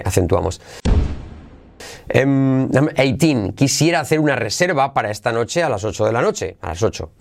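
Male teacher, mid-range voice, podcast lesson, drills phrases slowly and repeats them. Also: medium pitch, gravelly. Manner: laughs at own slips. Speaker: English teacher.

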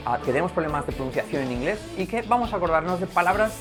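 A man's voice: high-pitched, expressive, rapid-fire, over music. A man from Spain with a Spanish accent, giving a playful, casual pronunciation lesson as an English teacher, laughing often and switching between Spanish and English.

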